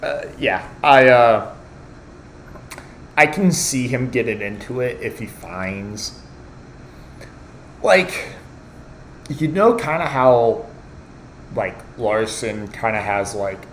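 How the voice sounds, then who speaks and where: A young man co-hosting a casual chat, halting and repeating words, often trailing off quietly. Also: mid-range voice, expressive, a little hiss or hum. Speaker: podcast co-host.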